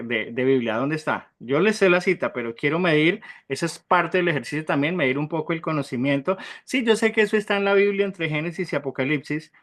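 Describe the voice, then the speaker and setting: A man teaches a Bible class and keeps turning to his students with questions, checking they follow along. He spells out Hebrew terms slowly for them. His voice sits a little high. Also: fairly bright tone. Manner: questions the class often, tag "¿sí?".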